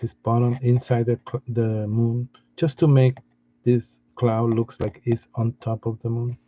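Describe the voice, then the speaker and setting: A man giving a step-by-step drawing lesson in a patient, soft-spoken way, often restarting his sentences. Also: medium pitch, monotone, measured pace, highs cut off. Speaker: art teacher.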